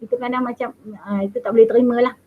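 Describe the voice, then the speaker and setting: A woman's voice: a little high, fairly even intonation, rapid-fire. A woman in her fifties with a Malaysian accent, a mathematics teacher answering interview questions in a firm, emphatic way. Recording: tinny phone-like call audio.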